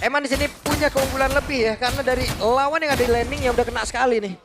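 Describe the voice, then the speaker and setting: An Indonesian-accented man casting an esports match as play-by-play, in the excited manner of a fighting game announcer with shouted, drawn-out calls. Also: extremely high pitch. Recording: loud game music behind voice. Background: loud music.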